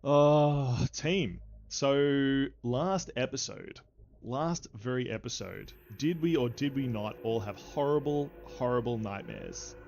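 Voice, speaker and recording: A man's voice: mid-range voice, very animated, takes it slowly, creaky, darkish tone, soft background music. A man acting as dungeon master and stream host, chatting casually and joking with his players and chat. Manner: jokey, playful banter with chat. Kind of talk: casual livestream chat, narrating a tabletop game.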